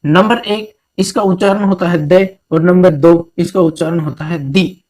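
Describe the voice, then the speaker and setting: A man from India teaching a grammar lesson, repeating each point slowly and mixing English terms into his Hindi. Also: sits high, a little mellow.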